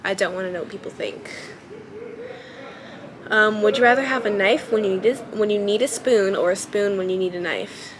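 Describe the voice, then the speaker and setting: A young woman vlogger with a childlike, baby-ish voice chats casually to camera at home, thinking aloud relaxed and hesitant with lots of ums. Her voice is mid-range at a moderate pace, with crowd noise in the background.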